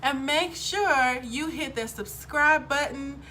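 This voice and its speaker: Woman, 30s, casual vlogger, bright upbeat delivery, chatty with fillers, light hiss. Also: high-pitched, slow pace. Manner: upbeat, chatty, lots of ums. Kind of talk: casual chat to camera.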